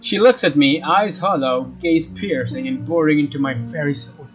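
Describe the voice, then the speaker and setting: In a let's play, a young man with a slightly high pitch talks at a moderate pace, acting out the story text and commenting loosely on the game. The recording comes through a somewhat dull mic, with faint game music behind it.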